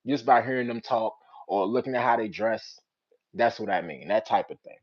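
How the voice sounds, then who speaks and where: A man's voice: on the low side, lively intonation, normal speed, breathy edge. Richmond man chatting on a lo-fi stream. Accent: Richmond, Virginia. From Richmond, Virginia. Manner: street slang, bursts into loud teasing. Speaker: channel host. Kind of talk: casual live-stream chat with viewers.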